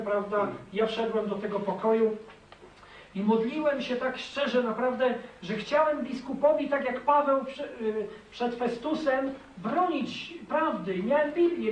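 A man's voice: very high voice, a little hiss or hum. A man, a former priest, giving an earnest, emphatic testimony to an audience, often checking in with his listeners. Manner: earnest, emphatic, appeals to listeners with tag questions. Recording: echoey hall, voice from a distant mic.

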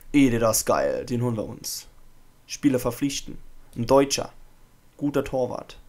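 A young man hosting a football video game let's play, chatting casually and shouting player names when play gets exciting, recorded on a desk microphone at home. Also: medium pitch. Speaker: gaming channel host. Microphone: USB podcast microphone.

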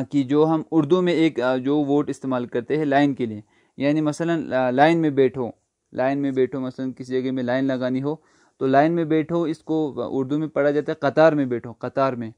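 A male language teacher at a mid-range pitch, with a smooth, resonant voice heard close and dry. He speaks slowly and patiently, poses each question himself, answers it, and spells the word out letter by letter. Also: mellow, dry recording, lo-fi sound. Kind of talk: online lesson, slow word drills.

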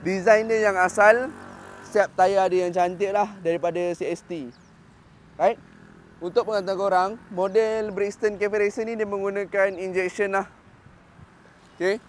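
A motorcycle dealer in his thirties, with a Malaysian Malay accent, gives an upbeat sales walkthrough of a bike in a shop's outdoor parking lot, mixing in English fillers. His high voice has fairly even intonation and a moderate pace, he pauses often, and there's slight background noise.

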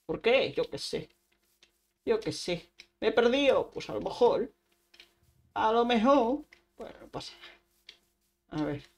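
A woman's voice: mid-range voice, expressive, moderate pace, pauses often, a little mellow, slightly rough. A woman, streaming Minecraft casually, chatting to herself and making little sound effects as she plays. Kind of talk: casual Minecraft let's play.

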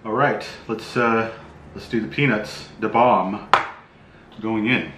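A middle-aged man giving a casual, halting, low-key food review as he tastes, recorded at a table indoors. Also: fairly even intonation. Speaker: spicy food review host. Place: small bright room indoors. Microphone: camera mic across a table. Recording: echoey room, faint background noise.

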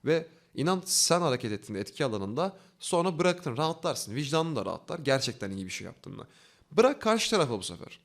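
A man's voice: medium pitch, sing-song. A man teaching a self-development lesson, walking through steps by asking himself questions and answering them, with an earnest, coaxing delivery. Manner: fast, earnest, coaxing delivery with rising emphasis. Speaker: online self-development instructor. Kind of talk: instructional talk.

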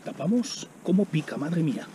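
Narrating a casual outdoor vlog, a middle-aged man talks to a camera on the ground before him while snacking in the woods, letting out frequent exclamations between bites. He sounds a little high yet dark in tone, animated and moderately paced, over slight background noise.

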